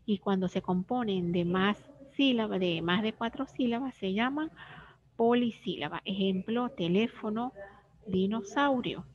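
A woman teacher giving a scripted reading lesson for young children, pronouncing each word clearly and carefully. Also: mid-range voice, highs cut off. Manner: clear, careful syllable-by-syllable pronunciation.

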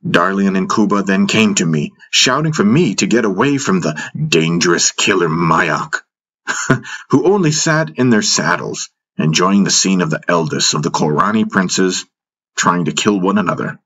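A man narrating a fantasy audiobook in first person, steady and measured. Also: low voice.

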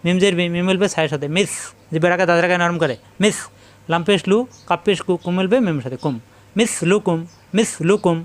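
Bangladeshi Bengali-accented man, high voice, patient teacher repeating syllables slowly for a Quran reading lesson. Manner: slow, repetitive syllable drilling. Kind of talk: step-by-step spelling lesson.

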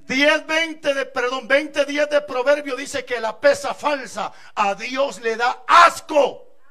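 A male pastor with a Guatemalan accent, giving an animated sermon with shouting and jokes. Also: extremely high pitch, takes it slowly. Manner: shouting, joking, animated preaching.

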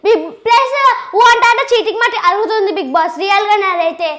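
A child arguing quickly and indignantly in a playful staged reality-show skit. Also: extremely high pitch, a bit bright, echoey room. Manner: quick and indignant, protests a lot. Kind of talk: playful argument.

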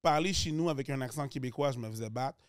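A man's voice: medium pitch, quick pace, clean tone, dry recording, studio quality. A man with a Quebec French accent, a comedian guest talking casually and animatedly, slipping into other voices and accents as he explains. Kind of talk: casual podcast chat.

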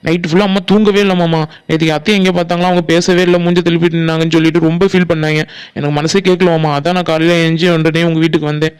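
A man's voice: fairly high pitch, little pitch movement, clean tone, close to an everyday voice. A man voicing an earnest young village man in a cartoon, pleading and reassuring his aunt. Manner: pleading, reassuring, talks fast. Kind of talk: Tamil cartoon voice acting.

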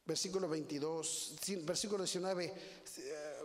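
Mexican preacher, man, folksy sermon style, high voice, long hall reverb. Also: normal speed. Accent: Mexican Spanish. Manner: animated, storytelling with folksy asides to the congregation. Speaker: guest preacher. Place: church sanctuary.

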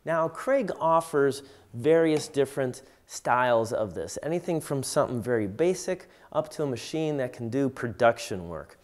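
A man's voice: medium pitch, expressive, moderate pace, hardly any pauses. A man in his forties teaching woodworking, explaining tools plainly and steadily as he demonstrates them in his workshop. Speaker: woodworking instructor. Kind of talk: tool demonstration tutorial. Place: home woodworking shop, indoors.

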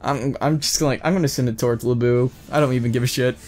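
A man's voice: medium pitch, fairly even intonation, fast, darkish tone, faint music behind. A man casually commenting on his own strategy game play, laid-back, swearing a lot and laughing easily. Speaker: gameplay commentator. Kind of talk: casual gameplay chat.

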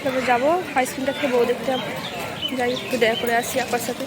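A woman's voice: sits high, level tone, racing, very noisy. A young woman, chatting casually as a vlogger about her day, rambling from one thing to the next. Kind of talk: casual vlog narration. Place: outdoors then indoors at a home.

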